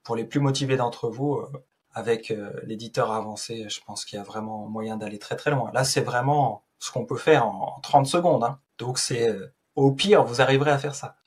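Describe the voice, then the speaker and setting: Guy w a husky voice walking thru a tutorial, chatty n informal, lots of ums. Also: mid-range voice, normal speed. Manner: chatty, loose and informal, with frequent hesitations. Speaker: YouTuber explaining a software tool. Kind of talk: casual tutorial explanation.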